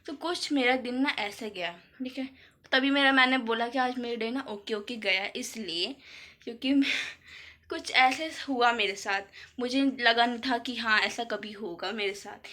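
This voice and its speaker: A woman's voice: fairly high pitch, measured pace, sharp tone. A teenage girl vlogging about her school day in a chatty, rambling way. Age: teens. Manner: chatty, filler-heavy storytelling. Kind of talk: casual vlog chat.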